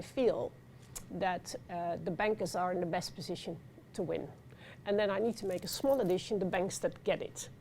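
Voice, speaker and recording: Dutch woman with a gravelly voice. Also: mid-range voice, a little hiss or hum. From Netherlands. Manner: animated, with frequent fillers and restarts. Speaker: panelist. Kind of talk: panel discussion talk. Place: conference venue.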